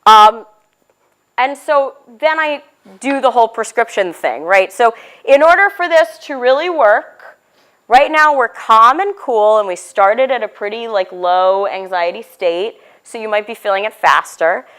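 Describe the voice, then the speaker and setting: A woman with a fairly high voice and a stuffy nose, talking casually as a clinician. She teaches in a lecture room and counts the group through slow breaths in a demonstrative way. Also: animated, fairly bright tone. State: stuffy-nosed with a cough. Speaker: clinician presenter. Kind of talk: grand rounds teaching talk.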